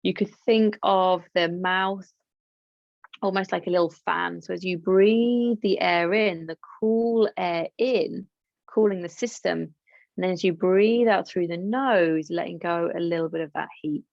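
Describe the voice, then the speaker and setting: A woman yoga teacher from England guiding a class with gentle, encouraging instructions and chatty asides. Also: fairly low pitch, unhurried, creaky, no room sound, dull audio.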